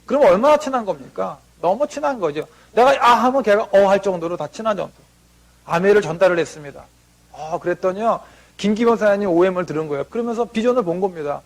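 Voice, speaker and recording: High-voiced man telling stories onstage. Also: lively intonation, quick pace. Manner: anecdotal, acts out family members' lines in quotes. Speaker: business leader giving a seminar talk. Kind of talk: motivational storytelling talk.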